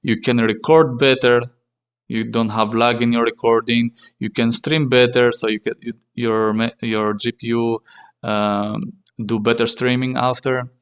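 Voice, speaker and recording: A man hosting a casual tech tutorial in halting, non-native English, repeating himself and using fillers. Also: medium pitch, little pitch movement, clean tone. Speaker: tech channel host.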